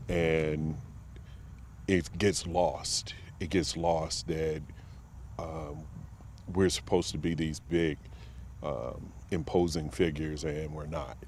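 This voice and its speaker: A man from Virginia, a guest on a casual podcast interview, speaks earnestly and reflectively with many pauses and fillers. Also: a bass voice, steady tone, a little mellow, slight background noise. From Martinsville, Virginia, USA. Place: outdoor expo grounds.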